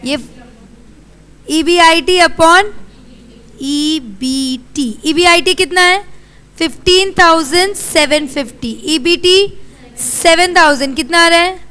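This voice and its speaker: A young Indian woman lectures a classroom in a high, bright voice. She quizzes her students in a brisk, scolding way. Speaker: teacher.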